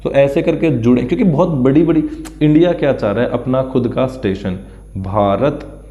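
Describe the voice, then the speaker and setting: A man's voice: medium pitch, normal speed, mellow. Man teaching in a roomy echo. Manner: mixes Hindi and English, repeats words to drill pronunciation, draws while explaining. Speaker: English teacher. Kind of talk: explaining an English news text in Hindi for exam students. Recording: roomy, dull lo-fi sound.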